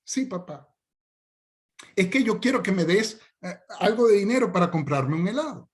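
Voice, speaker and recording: A man's voice: sits high, lively intonation, normal speed, pitched above the performer's own voice. Man playing a fawning, pleading little boy. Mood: sheepish. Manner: overly reverent, sing-song begging. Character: young boy, fawning and pleading to his dad.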